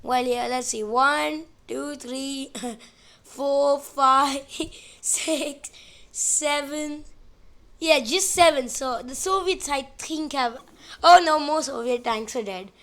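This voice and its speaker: A woman giving excitable gameplay commentary on a battle simulation, rambling, easily amused and counting units aloud. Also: sits high, slow pace.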